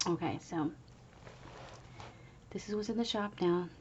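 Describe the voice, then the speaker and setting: A woman chatting in a soft whisper at home early in the morning, showing her handmade planners. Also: on the low side, unhurried, highs cut off, slight background noise.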